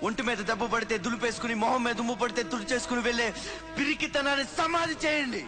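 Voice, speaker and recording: An actor playing a fierce, defiant rebel leader in a film, declaiming commandingly to rally the downtrodden. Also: male voice, extremely high pitch, fairly even intonation, fast. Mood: fiery, defiant. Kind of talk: heroic film oratory. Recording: long hall reverb, music underneath.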